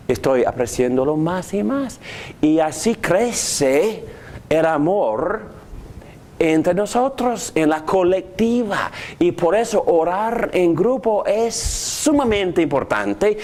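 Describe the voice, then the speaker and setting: A man's voice: high voice, takes it slowly. A man teaching a Bible class on prayer, asking his students questions as he goes. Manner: animated, asks the class questions.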